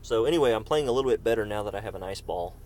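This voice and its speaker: A gaming streamer gives casual live commentary as he plays, chatting with viewers by name and breaking off for coughing fits. His lowish, darkish voice is expressive and racing, with slight background noise.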